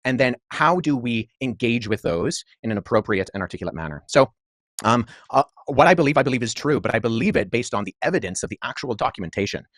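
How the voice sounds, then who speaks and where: A man in his thirties, a historian guest in a podcast debate, speaking in an articulate, measured way with many asides. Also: medium pitch, expressive, a bit bright, no echo, clean studio sound. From Pakistan-born, raised abroad.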